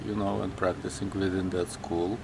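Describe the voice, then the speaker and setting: Slow-spoken Lithuanian-accented man, noisy backdrop. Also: low voice, little pitch movement, gravelly. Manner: slow, halting, with many restarts. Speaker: interviewee. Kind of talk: personal interview.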